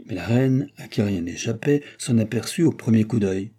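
A male audiobook narrator who reads in a measured, even way. His voice sits low and sounds dark and mellow. It has a husky edge. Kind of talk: scripted narration.

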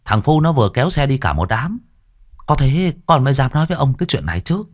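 A man's voice: medium pitch, sing-song, fast, voice pushed up. A man voicing a sly, fawning male servant who coaxes his master with polite, wheedling talk in a storybook reading. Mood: scheming.

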